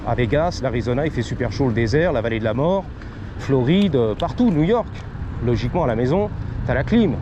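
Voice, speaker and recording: A man's voice: mid-range voice, expressive, a little fast. A man chatting casually to his viewers outdoors, rambling in slang and dropping in English phrases. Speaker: vlogger. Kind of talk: casual street vlog chat. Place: outdoors on a street and parking lot. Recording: dull audio with loud street and traffic noise.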